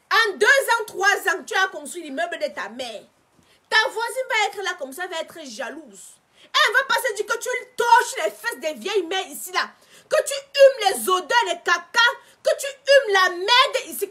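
A woman from Cameroon with a Cameroonian French accent, talking in a casual live stream from home, animated and emphatic, repeating herself for force. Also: extremely high pitch. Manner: animated, emphatic, repetitive lecturing.

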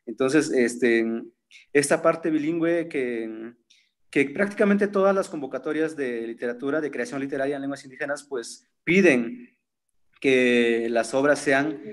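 A man in his thirties whose native language is Zapotec speaks at a medium pitch and a slightly slow pace. He's a seminar participant on a laptop video call, reflecting thoughtfully in conversation with lots of fillers and restarts, picked up by the laptop webcam in a room at home hung with framed pictures.

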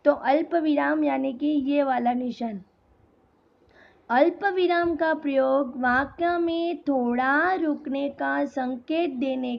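A high-pitched woman teaching a class at an unhurried pace. Her voice has a gravelly fry, and she says each example sentence twice. The recording sounds dull and lo-fi. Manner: slow, deliberate, repeats example sentences. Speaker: school teacher. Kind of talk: classroom lesson. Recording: dull lo-fi audio.

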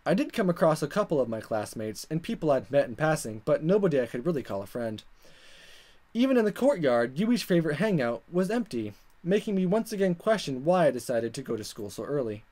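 Reading a visual novel aloud, a woman let's player narrates expressively in a low, brisk voice, tossing in casual asides and stumbling over the script. Music plays behind her.

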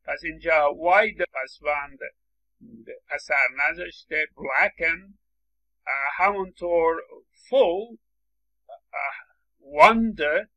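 A man's voice: a little high, pushed and bright, poor audio. A middle-aged man lecturing on English phonetics, explaining patiently and stressing words as he repeats examples, with English words spoken. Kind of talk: recorded lecture.

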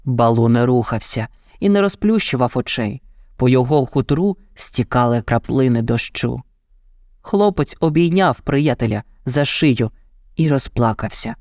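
A man narrating a children's fairy tale in an even, dramatic storytelling manner. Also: medium pitch, normal speed, no room sound, clean studio sound.

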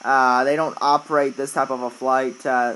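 A man's voice: mid-range voice, little pitch movement, moderate pace, a bit bright, low-quality recording. A man chatting informally to his viewers as he gives casual commentary on a flight simulator game. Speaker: video host, flight simulator player.

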